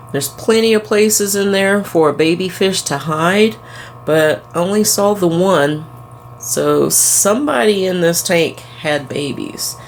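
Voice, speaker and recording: A woman's voice: on the low side, a little hiss or hum. A woman, chatting casually and fondly as she films her fish tanks at home. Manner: chatty, fond and relaxed narration. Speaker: aquarium vlogger. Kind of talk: casual chat. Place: indoors at home by a fish tank.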